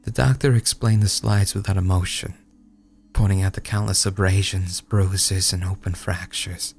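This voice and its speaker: Man, low gravelly voice, dramatic horror story narration, brooding, hushed, halting pauses, music behind. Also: steady tone. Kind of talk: dramatic first-person story reading. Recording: music bed under the voice. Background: background music.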